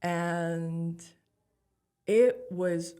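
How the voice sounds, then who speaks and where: A woman in her thirties from Taiwan, a comedian telling her life story in a candid, animated way with many "like"s. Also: on the low side, very slow, smooth. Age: 30s. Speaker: guest comedian. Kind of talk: casual interview chat.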